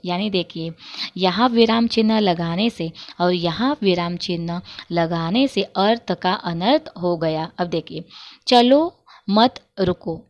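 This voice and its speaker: A woman teacher giving a grammar lesson to school students, explaining slowly and repeating examples. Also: mid-range voice, lo-fi sound.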